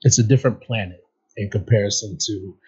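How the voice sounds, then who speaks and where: A man's voice: lowish voice, fairly quick, darkish tone, husky, dull audio. A man born in Nigeria and raised in upstate New York, a guest explaining his experiences earnestly in a casual interview.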